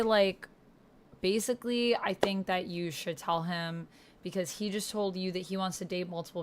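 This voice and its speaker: With a lowish voice and slight background noise, a woman runs a text-based roleplaying game. Her chat is loose, slangy and expressive as she plays along with what's being typed.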